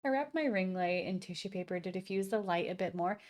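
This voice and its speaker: A woman's voice: lowish voice, a little fast, darkish tone. A young woman at home, casually chatting and rambling through a live gameplay stream, with slang and the odd swear. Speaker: game streamer. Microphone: desk streaming mic.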